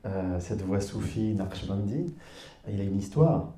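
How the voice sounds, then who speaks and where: A man interviewing an author at a public book talk, asking his questions slowly and haltingly, with many fillers. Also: sits low, animated, dark tone, roomy sound. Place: cultural centre hall.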